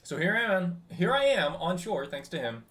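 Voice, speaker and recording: Pushing his voice up high, a man reads the lines of a teasing, talkative ship's technical officer from a game, animated but a little halting. The mood is chatty and amused.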